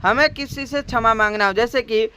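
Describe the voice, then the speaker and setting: High, bright-voiced man teaching English. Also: a little fast, slight background noise. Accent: Hindi. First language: Hindi. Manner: spells words out and repeats, often asks the viewers questions. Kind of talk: spoken language lesson.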